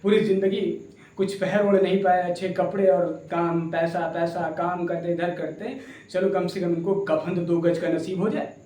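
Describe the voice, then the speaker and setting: A man voicing a grieving young son, speaking earnestly and quietly. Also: high-pitched, fairly even intonation, moderate pace, roomy sound, distant mic, pitched below the performer's own voice, natural voice. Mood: sorrowful.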